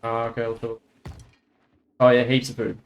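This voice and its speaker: A man's voice: medium pitch, monotone, fast, highs cut off. A man streaming a video game, talking casually as he plays. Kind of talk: casual chat while gaming.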